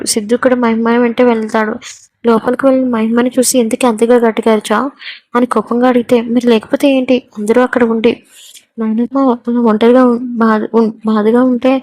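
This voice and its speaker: A woman's voice: on the high side, darkish tone, dry recording, poor audio. A woman narrating a romance story, reading all the characters' lines in her own voice.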